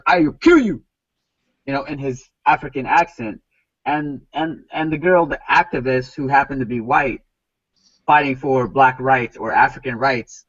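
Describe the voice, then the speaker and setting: A man's voice: mid-range voice, fairly bright tone, no room sound, dull audio. A man hosting a casual podcast chat, rambling and repeating words with lots of "you know". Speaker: podcast host.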